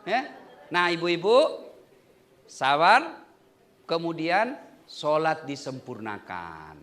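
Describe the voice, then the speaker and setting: A male preacher giving a joking, animated wedding sermon to a live audience, full of rhetorical questions. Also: fairly high pitch, slow pace. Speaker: Islamic preacher.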